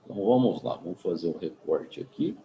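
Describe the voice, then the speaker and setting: A man with a Brazilian Portuguese accent, a physics teacher giving a remote class in a relaxed, chatty way, full of tag questions. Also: deep voice, a little fast, vocal fry, echoey room, lo-fi sound, a little hiss or hum. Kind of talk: remote class, casual chat.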